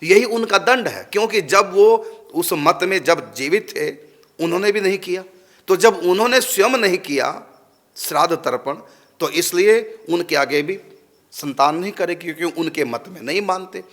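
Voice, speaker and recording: A man's voice: sits high, expressive, normal speed, fairly bright tone. A man giving a religious discourse, answering a question and putting emphatic rhetorical questions to his listeners. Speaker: spiritual teacher.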